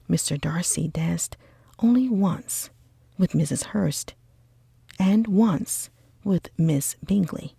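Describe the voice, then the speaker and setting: A woman reading a story for sleep in a slow, gentle, breathy ASMR whisper. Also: fairly low pitch, no echo. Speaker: audiobook reader for sleep.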